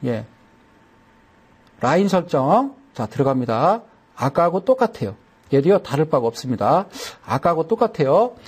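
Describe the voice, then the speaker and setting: A man's voice: on the high side, a little mellow, slightly rough. A man giving a chatty broadcast lesson on stock chart settings, repeating each step and slipping in folksy jokes.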